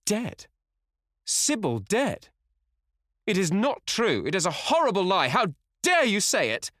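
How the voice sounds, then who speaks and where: A man voicing an earnest young gentleman. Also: lowish voice, moderate pace, dry recording, studio quality, close to an everyday voice. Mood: distraught. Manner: earnest and emotional. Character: young, passionate, impulsive gentleman. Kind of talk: audiobook character voicing.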